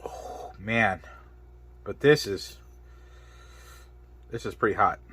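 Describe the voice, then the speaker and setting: A man's voice: on the low side, slow pace, sharp tone, a little hiss or hum. A man casually reviewing spicy noodles on camera, exclaiming between bites as the heat builds. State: mouth burning from spicy food. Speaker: product reviewer. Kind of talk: casual food review vlog.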